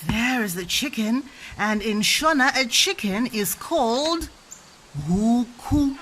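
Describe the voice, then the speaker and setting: A woman's voice: on the high side, lively intonation, takes it slowly, fairly bright tone. A young woman giving a playful children's language lesson as a mother, with encouraging, sing-song questions and repetition. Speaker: mother teaching her toddler.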